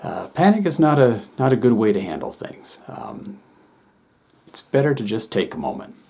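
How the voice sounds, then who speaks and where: A middle-aged man, a former wilderness instructor, calmly explaining a coping technique to teachers in a steady, reassuring way. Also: medium pitch, normal speed, slightly rough. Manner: calm, steady, gently reassuring. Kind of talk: calm instructional talk to teachers.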